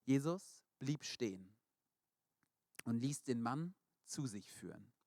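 A man preaching a sermon, retelling stories in a lively way and acting out the voices of the people in them. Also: medium pitch, slow pace, no room sound, studio quality.

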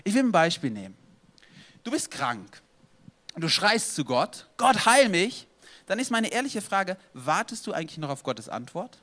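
A pastor preaching a sermon, lively and direct, acting out prayers and dialogue as he speaks to his congregation. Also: fairly high pitch.

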